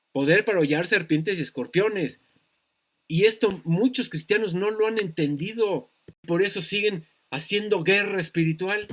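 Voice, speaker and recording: A man with a Mexican accent teaching a Bible study sermon, animated and full of rhetorical questions. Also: high voice. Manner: animated, acts out voices, asks rhetorical questions.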